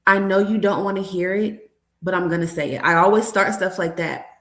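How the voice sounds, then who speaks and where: Speaking fairly quickly in a fairly low voice, the woman, in her thirties, candidly shares stories as a guest in a conversational interview. She's a nurse educator and a mother who voices both sides of conversations with her daughter. The room is echoey.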